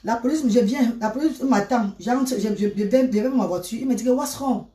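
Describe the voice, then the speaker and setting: A woman tells her story dramatically, repeating herself and swinging from loud to hushed. Her voice sits fairly high and sounds roomy, recorded from a little way off the mic. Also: fairly quick. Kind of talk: emotional personal storytelling. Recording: roomy, from a distance.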